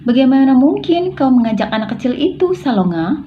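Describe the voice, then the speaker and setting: Woman reading a defiant young man from a novel, raised lively voice, dull recording with faint music. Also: a little high, a little fast, slight background noise, close to an everyday voice. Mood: arguing.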